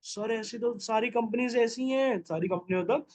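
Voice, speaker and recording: A man's voice: extremely high pitch, normal speed, a little mellow. A man teaching an exam revision class in call-and-response style, firing questions at students and answering them himself. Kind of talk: energetic exam revision lecture.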